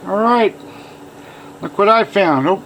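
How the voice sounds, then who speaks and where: Guy with a slightly high voice showing his hobby work, chatty and thinking out loud, bit of machine hum behind. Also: a little slow, low-quality recording. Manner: informal, thinking aloud as they work. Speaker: fossil preparer showing own work. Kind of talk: casual hands-on demonstration. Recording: steady machine noise behind voice.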